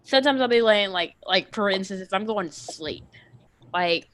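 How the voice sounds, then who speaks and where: A woman's voice: medium pitch, normal speed, a bit bright. Chatty woman saying "like" a lot. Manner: chatty, heavy use of "like". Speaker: guest on a live stream. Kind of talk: casual live-stream chat.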